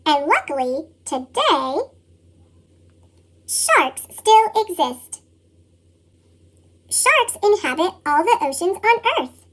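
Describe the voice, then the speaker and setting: A narrator with a squeaky chipmunk voice effect, like helium, reads a children's picture book from a script. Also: fairly bright tone. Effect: pitched-up chipmunk voice effect. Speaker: storybook reader.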